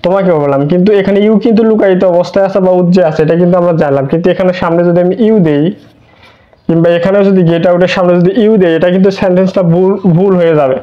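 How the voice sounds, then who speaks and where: A man's voice: sits high, steady tone, fast. A man teaching an online English grammar lesson, explaining step by step with repeated words and rhetorical questions. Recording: dull lo-fi recording.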